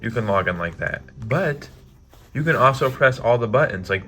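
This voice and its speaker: A man talks through console tips in a casual vlog, his voice bright and forward. He is upbeat and chatty, leaning on "like" and poking fun at his own slips. Soft music plays faintly behind him. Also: medium pitch, animated, normal speed. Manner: upbeat and chatty, heavy use of "like"; self-deprecating, laughs at own slips. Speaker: gaming YouTuber.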